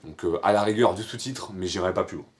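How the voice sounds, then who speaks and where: A man's voice: low-pitched, fast. A young man from France answering viewer questions in a casual, rambling way, full of fillers and slang. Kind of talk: casual FAQ monologue.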